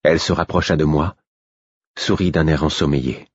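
A man reading a novel aloud in first person, with measured, even storytelling. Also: rumbling low, slightly rough, no echo, highs cut off. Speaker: audiobook narrator. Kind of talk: scripted first-person narration.

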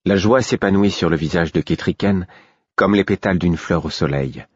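Deep husky male audiobook narrator. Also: dry recording. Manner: measured, even reading. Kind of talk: scripted first-person literary narration. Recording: dull, dry lo-fi recording.

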